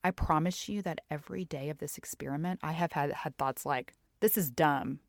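Low-voiced woman podcasting. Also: a little fast, no echo, clean studio sound. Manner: candid, reflective, conversational with fillers. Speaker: podcast host and health coach. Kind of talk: personal faith-based podcast talk.

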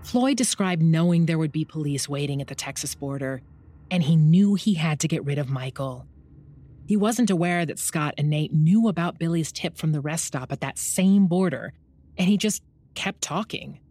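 A woman narrating a true-crime documentary in a measured, scripted delivery. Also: deep voice, animated, mellow, breathy edge. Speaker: podcast narrator.

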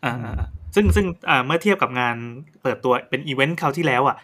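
A man's voice: on the high side, expressive, fast, sharp tone. A man co-hosting a casual tech podcast, asking short questions and humming along. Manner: asks short questions, lots of agreeing hums. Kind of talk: casual chat.

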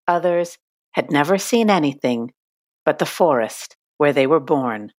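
A woman reading scripted documentary narration with measured, deliberate phrasing. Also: low-pitched, lively intonation, darkish tone.

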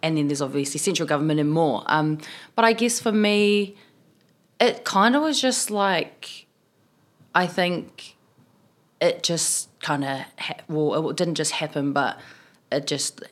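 A deep-voiced New Zealand woman in her twenties speaks at a measured pace. She's a city councillor chatting casually in a podcast interview, her talk full of "um" and "like."

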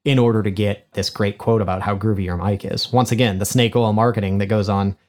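A nasal, honky-voiced man, a microphone designer, chats casually as a podcast guest and pokes fun at himself. His lowish voice is steady and a little mellow, and his pace is a little fast. A studio condenser mic in figure-eight mode captures him.

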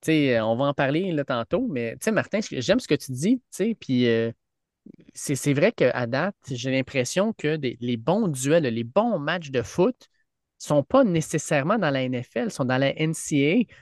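A man's voice: a little high, animated, moderate pace, no room sound, studio quality. A man with a Quebec French accent giving casual sports commentary as a podcast co-host.

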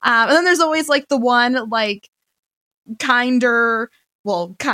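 A young adult woman co-hosting a podcast in casual chat, her voice slightly hoarse from a sore throat. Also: on the high side, a little slow, bright, forceful tone, no room sound. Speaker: podcast co-host.

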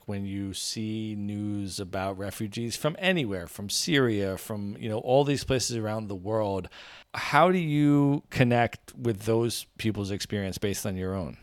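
A man hosting a podcast, asking thoughtful, measured questions. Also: on the low side, clear, resonant tone, no room sound, clean studio sound. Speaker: podcast host.

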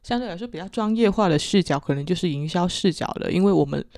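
A woman's voice: on the low side, lively intonation, fast, a little mellow, no echo. A woman co-hosts a podcast in casual conversation. Her Mandarin carries a Teochew accent from Chaoshan. The recording is close and dry. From Chaoshan, Guangdong, China. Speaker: podcast co-host.

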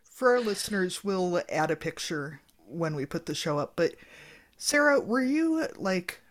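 A woman's voice: lowish voice, very animated, unhurried. A woman hosting a podcast, asking questions in a teasing, playful way. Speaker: podcast host. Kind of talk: casual interview chat.

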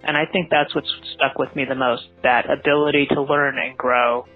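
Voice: mid-range voice, little pitch movement, normal speed, soft background music. A caller leaving an earnest, reflective voicemail over a phone line. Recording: husky tinny phone line.

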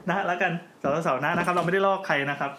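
A man's voice: high-pitched, racing, fairly bright tone. A man hosting a podcast in casual chat, joking as he explains at length. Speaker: podcast host. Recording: roomy with faint background noise.

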